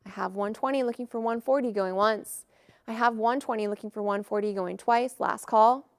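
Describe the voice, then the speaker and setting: A woman auctioneer calling bids in a live auction with brisk, formulaic patter. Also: a little high, fairly even intonation, clean tone, dry recording, studio quality.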